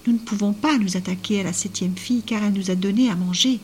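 A woman's voice: mid-range voice, fast talker, lightly acted. A woman voicing a talking donkey and dog who refuse to attack a girl. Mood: firm.

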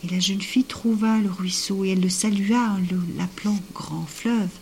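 A woman's voice: mid-range voice, fairly even intonation, normal speed, darkish tone, slight background noise. A woman telling a folk tale, often dropping her voice to a whisper. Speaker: storyteller.

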